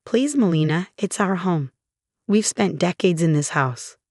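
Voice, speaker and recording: A woman's voice: lowish voice, animated, a little slow, a little mellow, dry recording, clean studio sound. A woman voicing an ashamed, tearful mother-in-law who pleads through sobs in a story. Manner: sobbing, pleading.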